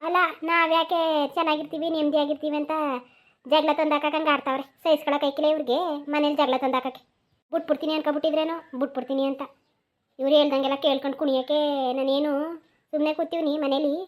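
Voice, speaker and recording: A scheming cartoon village mother-in-law, as a woman voices her, nagging and repeating herself in a rural Mysore-region accent. She speaks high and rapid-fire. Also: level tone, natural voice. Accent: rural Mysore-region Kannada. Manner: nagging, insistent, repetitive.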